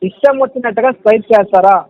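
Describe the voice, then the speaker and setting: A man's voice: high-pitched, racing. A loan recovery agent, a man, arguing on a phone call and insisting on repayment, talking over the other man and repeating the sums. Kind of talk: heated phone argument. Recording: muffled phone call recording.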